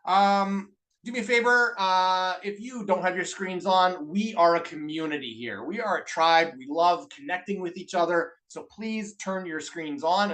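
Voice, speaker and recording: The audio is rough and distant, capturing a high, somewhat bright male voice on a video call mic. He's a Canadian-accented webinar host and business co-owner leading a live online masterclass, upbeat and talkative, filling gaps with frequent uhs.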